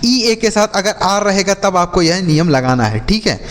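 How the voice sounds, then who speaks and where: A man's voice: high voice, expressive, normal speed. Man teaching phonics in an echoing hall. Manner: drills with repeated questions and answers; addresses viewers as children. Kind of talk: classroom-style video lesson.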